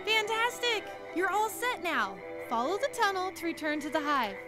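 A woman's voice: extremely high pitch, very animated, normal speed, pushed and bright, full character voice. A woman voicing a kind, eager worker bee in a video game, a chirpy and encouraging big-sister guide. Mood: cheerful, encouraging. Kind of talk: scripted video game character acting. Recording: long hall reverb over music.

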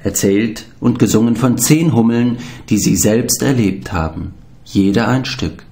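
A man calmly narrating a children's audiobook. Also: mid-range voice, unhurried, vocal fry. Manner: calm, storytelling.

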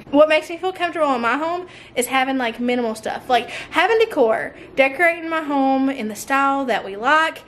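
In the open-plan kitchen and living room of a mobile home, an American homemaking vlogger talks to camera in a casual, rambling way. Her voice is high-pitched, a faint hiss or hum runs underneath, and she films with a handheld camera at arm's length.

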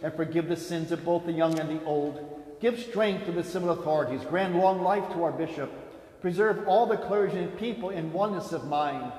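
A priest reciting liturgical prayers in a solemn, measured intoning manner, his voice carried through a pulpit microphone in a large church. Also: fairly high pitch, a little mellow. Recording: echoey church hall, long reverb.

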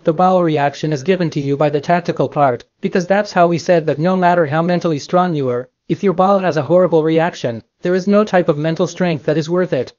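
A man's voice: fairly high pitch, a little fast, hardly any pauses, darkish tone, dry recording, lo-fi sound. An older man teaching a bowling class in a classroom, talking emphatically and answering his own questions. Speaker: bowling coach. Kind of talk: classroom lecture. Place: classroom with a projector screen.

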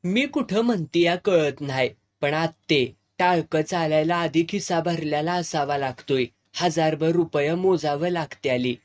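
A man putting on a bold young village woman in a story, sharp tongue, defiant, highish voice. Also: unhurried, few pauses, natural voice.

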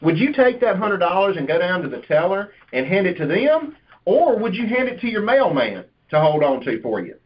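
An insurance sales manager and trainer with a high voice and big pitch swings coaches sales at a moderate pace over a conference call line. He's conversational, persuasive and explanatory, working through role-play pitches, and the audio is dull and lo-fi.

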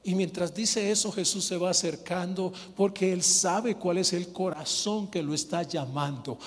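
A male pastor preaching a sermon in a church, telling stories in an animated way. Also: high voice, moderate pace, slightly rough. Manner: animated storytelling, acting out scenes. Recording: reverberant church hall.

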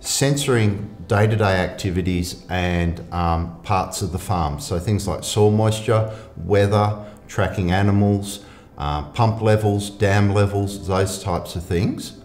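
A man presenting a farm technology video in a clear, informative way. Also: low voice, steady tone, slow, a little mellow, echoey room, soft background music. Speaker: agricultural technology lead. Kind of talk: scripted promotional narration and interview.

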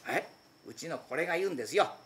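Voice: mid-range voice, lively intonation, fast, a bit bright, a little hiss or hum, natural voice. A rakugo storyteller voicing a patient working man who politely coaxes his idle lodger toward finding a job. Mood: coaxing.

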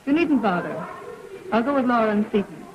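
A woman's voice: on the high side, big pitch swings, brisk, a crowd in the background. An actress playing a poised, insistent young society woman in early talkie film style, on a muffled vintage soundtrack. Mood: insistent, impatient.

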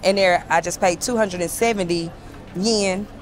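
A woman's voice: fairly low pitch, normal speed, slight background noise. Chatty woman. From Mississippi, USA. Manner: chatty, relaxed storytelling. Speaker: tourist. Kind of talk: casual street interview answers. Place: city street outdoors at night.

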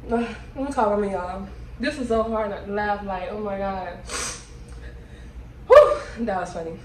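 Animated yet unhurried, this young American woman's mid-range voice leaves long pauses as she chats casually during prank calls she hosts for video. The indoor room has a cloth backdrop, and a distant mic gives an echoey sound with faint noise.

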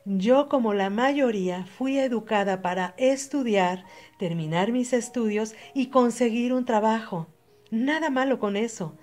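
Speaking right to her audience, this channel host, a young Mexican woman, offers sincere, straightforward motivation in a voice-over. She has a Mexican Spanish accent and a slightly mellow voice pitched fairly high.

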